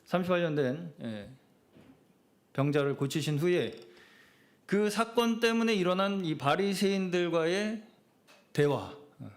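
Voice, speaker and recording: In a church sanctuary, a middle-aged male pastor with a slightly high voice preaches a Friday prayer service sermon. His style is conversational, and he often drops in short affirming "yes" words.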